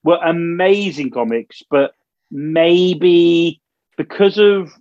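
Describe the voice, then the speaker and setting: Man, fairly high voice, hesitant casual chat, dull lo-fi audio. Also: takes it slowly, a little mellow, no echo. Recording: dull dry lo-fi sound.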